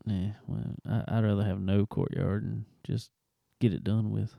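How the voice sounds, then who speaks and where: A man's voice: fairly low pitch, level tone, moderate pace, gravelly, no echo, lo-fi sound. A man hosting a show, talking in a laid-back, joking way. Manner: laid-back, joking, drawling filler words. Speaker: radio show host. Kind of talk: casual chat.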